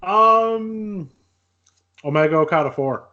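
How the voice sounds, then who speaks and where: Slow-talking man, dull lo-fi audio. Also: high-pitched, lively intonation, bright, forceful tone. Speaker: podcast co-host. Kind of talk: casual chat.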